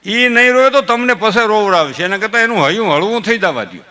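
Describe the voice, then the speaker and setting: Saurashtra Gujarati folk comic, high, sharp voice, chuckling storyteller. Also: male voice, fast talker. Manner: animated, laughs at own jokes, mimics family members. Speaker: folk comedian.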